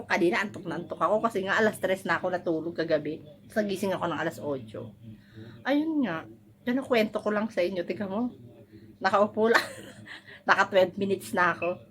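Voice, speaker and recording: A woman's voice: mid-range voice, quick pace. A woman from the Philippines, vlogging casually at home, telling a story in a rambling, chatty way and laughing often.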